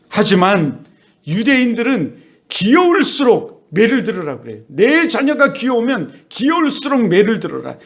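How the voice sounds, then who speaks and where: A middle-aged man preaching a sermon as a pastor, with lively delivery that acts out children and parents. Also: extremely high pitch.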